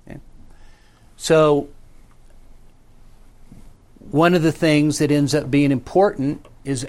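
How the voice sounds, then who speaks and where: A middle-aged man, a pastor, teaching a small class about preaching in a meeting room, talking conversationally and often checking in with the group. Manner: conversational, checks in with frequent "okay?" and "right?"; varies pitch and pace for emphasis.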